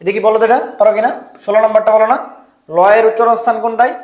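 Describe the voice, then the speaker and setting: A man's voice: high-pitched, flat delivery, rapid-fire, darkish tone, roomy sound. A man tutoring students for a university entrance exam, drilling answers over and over and quizzing them. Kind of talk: online exam-prep lesson.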